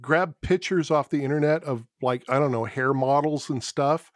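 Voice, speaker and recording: A man's voice: on the high side, moderate pace, no room sound, clean studio sound. A man chatting as a guest author on a podcast, chuckling often and joking about his own verbal habits. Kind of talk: casual podcast chat.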